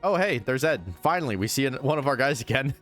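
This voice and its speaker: A man's voice: medium pitch, lively intonation, fast talker, a bit bright, soft background music. A man giving casual, sweary reaction commentary as a streamer, with incredulous asides.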